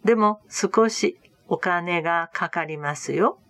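A woman voicing a smooth-talking male stranger in a storybook reading, polite and persuasive. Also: on the low side, measured pace, no room sound.

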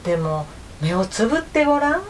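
A woman voicing a crafty male fox in a folk tale, drawing out her words in a slow, coaxing tone. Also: medium pitch, very animated, a little hiss or hum, lightly acted. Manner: slow, coaxing, sweet-talking. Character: sly flattering male fox, crafty and rough.

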